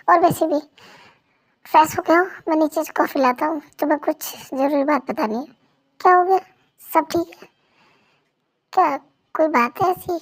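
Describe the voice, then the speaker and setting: A woman voicing a sleepy young husband soothing his angry partner, in an amateur fan dub. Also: sits high. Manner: lazy, soothing, teasing.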